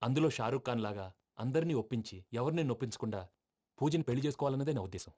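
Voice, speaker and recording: A man's voice: medium pitch, expressive, very fast, darkish tone, close to an everyday voice. A man playing a glib, long-winded young lover. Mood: earnest. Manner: long-winded storyteller, dramatic. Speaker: film hero. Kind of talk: film comedy dialogue.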